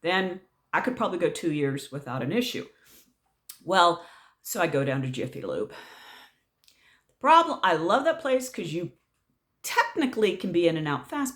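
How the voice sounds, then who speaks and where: A woman's voice: on the low side, moderate pace. Exasperated middle-aged woman ranting casually. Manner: exasperated, sarcastic, animated. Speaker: vlogger. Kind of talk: casual storytelling rant.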